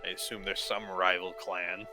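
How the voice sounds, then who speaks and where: A man's voice: deep voice, little pitch movement, normal speed, over music. A man playing in a tabletop game, talking in a dry, joking way. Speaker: player. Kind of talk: casual game chat.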